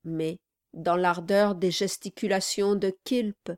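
Slow, measured woman narrator. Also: mid-range voice, fairly even intonation, dry recording, studio quality. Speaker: audiobook narrator. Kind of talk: scripted literary narration.

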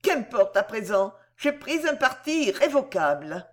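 Lady reading as a young woman, high and intense, lots of lift and fall in her voice. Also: sing-song, a little slow. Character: young woman, secretly pregnant, feverish and resolute.

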